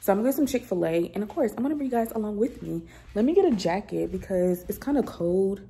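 A young woman vlogs casually to camera from her apartment kitchen and living room, holding her phone at arm's length. Her medium-pitched voice is warm, animated and fast, and she chattily calls her viewers y'all; there is slight background noise.

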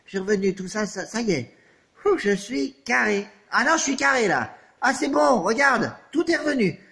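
A man playing a theatrical, touchy character who fusses over a returning friend, swinging from squeals to low mutters. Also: animated, moderate pace, creaky, pushed and bright, heavily acted. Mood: relieved. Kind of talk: comedy monologue.

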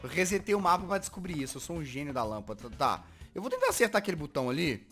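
A high-voiced man with a Brazilian Portuguese accent narrates a Minecraft parkour run. His bright voice leaps around a wide, lively range as he swings between muttering and frustrated yells. Faint music plays behind him. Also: fast. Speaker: gaming video host. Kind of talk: Minecraft parkour gameplay commentary.

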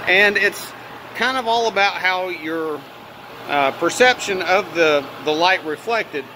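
A man giving a casual vlog walkaround in a workshop, raising his voice to talk loudly over a fan. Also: high-pitched, takes it slowly. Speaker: auto detailer presenting own work. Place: garage workshop, indoors. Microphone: handheld phone camera, operator behind it. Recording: steady fan noise in workshop. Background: running fan.

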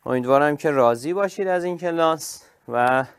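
A man teaching an online chemistry class, lively and praising his students by name. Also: on the high side, clear, resonant tone, no echo, studio quality.

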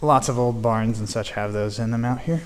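With a mid-range voice, this urban explorer keeps up a steady, calm walking commentary outdoors and inside a deserted barn-like building, pausing with fillers as he goes. A handheld camera mic captures it, background noise clearly audible.

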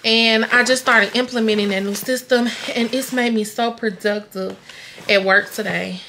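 A young woman vlogger with a slightly high, sharp-toned voice keeps fairly even intonation at a moderate pace, with slight background noise. Chatting casually to the camera at home at night, she is tired and rambling, often trailing off to herself and speaking to her dog.

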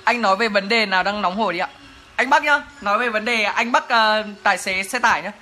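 A man's voice: high-pitched, fast talker, sharp tone, soft background music. A young man, chatting playfully in a casual Q&A vlog. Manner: playful, joking, chatty with laughs. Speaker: vlogger. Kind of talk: casual Q&A chat to camera.

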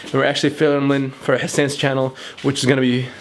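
A young man talking casually to his camera as a vlogger, excited and quick with hype. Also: medium pitch. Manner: excited, fast hype talk. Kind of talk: casual vlog chat. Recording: clear background noise.

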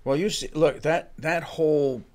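In a podcast studio lined with bookshelves, an older fight coach speaks into a boom-arm mic in a fairly high, darkish voice with fairly even intonation. The casual interview talk is halting, with many restarts, and he acts out his fighters' thoughts.

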